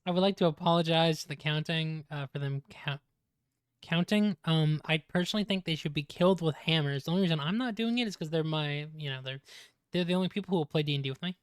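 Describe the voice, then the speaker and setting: A player in a casual online tabletop game, speaking in a deadpan, mock-serious way. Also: medium pitch, fast talker, smooth, dry recording, clean studio sound.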